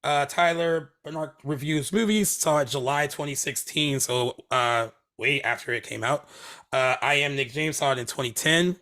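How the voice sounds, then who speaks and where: A movie podcast co-host from Hermosa Beach, California rambles casually, full of fillers and restarts, as his voice recovers from laryngitis. He sounds fairly high for a man, with a moderate pace and a bright, forceful tone.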